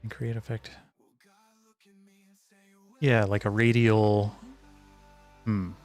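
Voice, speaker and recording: His voice sits fairly low, with a flat, darkish delivery, drawn-out words and no echo. He's an indie developer who streams, chatting casually mid-work and thinking aloud hesitantly to himself, music running behind him.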